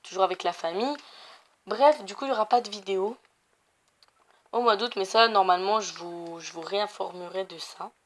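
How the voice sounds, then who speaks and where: A gaming YouTuber, young and of Portuguese family background, talks casually while she plays a video game. Her medium-pitched voice moves fairly quickly, and the commentary rambles with frequent fillers and self-corrections.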